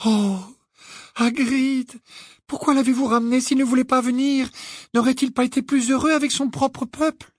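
A man voicing a frightened, pleading teenage girl in an audiobook, shrill and breathless. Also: moderate pace, breathy edge, no echo, studio quality. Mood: distressed. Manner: shrill, breathless and high-pitched. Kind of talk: audiobook character reading.

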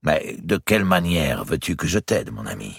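A man's voice: extremely low pitch, big pitch swings, normal speed, gravelly, husky, dry recording, pitched above the performer's own voice, heavily acted. A man voicing a wry older banker uncle, dry and cynically amused, in a storybook reading.

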